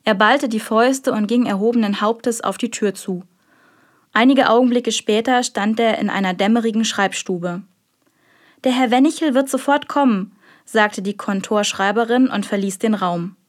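A woman's voice: medium pitch, fairly even intonation, moderate pace. Woman narrating a story. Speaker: audiobook narrator. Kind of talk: scripted narration.

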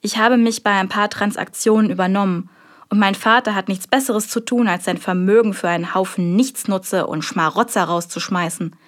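A woman's voice: mid-range voice, normal speed, natural voice. A woman reading an audiobook, voicing a defensive merchant in his thirties who speaks in a velvety, haughty manner. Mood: agitated. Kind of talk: audiobook character voice.

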